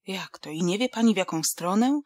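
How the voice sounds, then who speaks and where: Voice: medium pitch, animated, fairly quick, a little mellow, dry recording, studio quality, close to an everyday voice. A woman voicing an anxious young female doctor, insistent and pleading.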